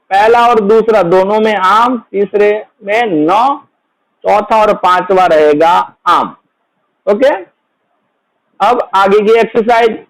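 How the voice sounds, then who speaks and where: A man's voice: sits high, rough recording. A man teaching a children's worksheet lesson, explaining each answer and then asking it back as a question.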